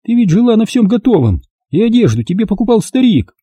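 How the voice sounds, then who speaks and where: A man's voice: high voice, very animated, fast, warm tone, husky, no room sound, voice pushed up, heavily acted. A man reading an audiobook, voicing a harsh, scornful middle-aged woman who scolds coarsely.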